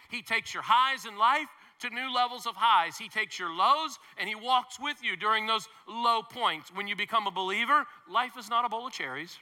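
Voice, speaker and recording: A male pastor preaches to his congregation in a large church hall, emphatic and conversational, with playful asides. His voice is high, bright and forceful, and the recording has a long hall reverb.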